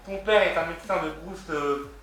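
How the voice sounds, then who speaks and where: Male French-accented host, slightly high voice, halting lecture from notes; very roomy, distant sound, faint music underneath. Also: fairly bright tone. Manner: many hesitations and restarts, reads out web addresses. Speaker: culture video host. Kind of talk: hesitant spoken lecture from notes. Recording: very echoey room, voice from off-mic, faint music.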